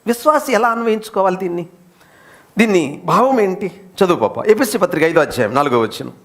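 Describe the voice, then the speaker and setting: A man preaching a Telugu sermon as pastor, firing rhetorical questions at the congregation and dropping to low, intense asides. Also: lively intonation, a little fast, fairly bright tone. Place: church service.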